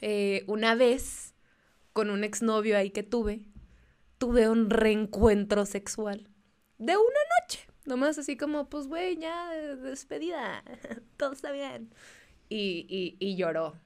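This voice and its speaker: Laughing northern Mexican woman, fairly high voice. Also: lively intonation, a little mellow. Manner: slangy, laughing, quick storytelling. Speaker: podcast co-host. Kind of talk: casual chat.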